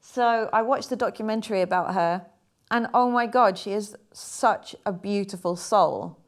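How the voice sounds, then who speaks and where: A young woman, chatting casually and a bit haltingly about her paintings. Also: mid-range voice. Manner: chatty, rambling, hesitant with fillers. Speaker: artist talking through her paintings. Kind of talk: casual chat.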